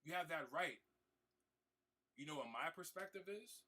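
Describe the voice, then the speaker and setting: Emotional male streamer, bright voice. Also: fairly high pitch, expressive, moderate pace. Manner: emotional, repetitive, trying not to cry; casual slang, swearing. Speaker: game streamer. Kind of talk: heartfelt talk to stream viewers.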